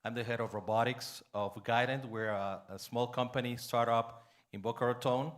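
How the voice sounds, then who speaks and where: A man's voice: mid-range voice, fairly even intonation, normal speed. A man from the audience at a conference asking a long, enthusiastic question, often adding "right?". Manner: enthusiastic, wordy, adds "right?". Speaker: audience member, startup robotics head.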